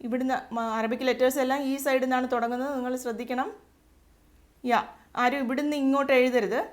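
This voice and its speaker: A woman tutoring Arabic, with a Malayali accent and a somewhat high voice, works through the alphabet stage by stage. She takes it slowly, repeating each letter sound twice for copying, and keeps a fairly even intonation.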